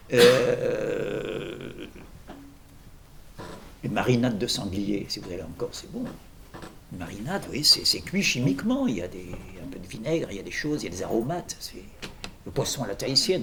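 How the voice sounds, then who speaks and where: A man's voice: medium pitch, gravelly. A man lecturing on philosophy in an informal workshop, digressing with jokes and questions to his audience.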